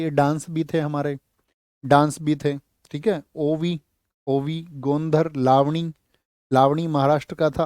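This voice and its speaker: A man's voice: a little high, a little mellow, dry recording, studio quality. Man teaching with repeated quiz questions. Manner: quizzes students and answers his own questions; repeats key words for memorising. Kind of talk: exam-prep lecture with memory tricks.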